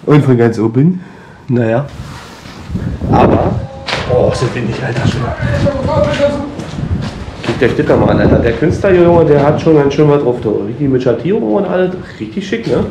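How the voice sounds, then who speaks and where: A man's voice: mid-range voice, expressive, moderate pace, pauses often. A man chatting casually and slangily while exploring an empty building, addressing his viewers as a vlogger. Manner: colloquial, slangy. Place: inside an empty concrete apartment block. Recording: echoey empty rooms, clear handling noise.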